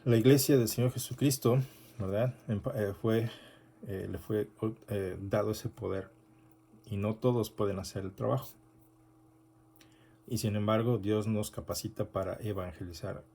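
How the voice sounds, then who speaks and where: A man's voice: on the low side, steady tone, normal speed, vocal fry, warm tone, slightly rough. A male pastor preaching an unscripted sermon, correcting himself often and adding rhetorical asides.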